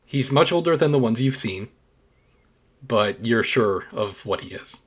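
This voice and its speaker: A man narrating as game master, with frequent hesitant pauses and fillers. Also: medium pitch, expressive, husky.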